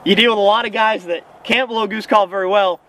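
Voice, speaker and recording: A man's voice: high-pitched, steady tone, fast, a bit bright, poor audio. A man giving casual, emphatic instruction as a hunting coach, often repeating phrases for stress. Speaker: goose-calling instructor and hunter. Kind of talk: casual instructional talk to camera. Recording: outdoor hum and faint vehicle noise.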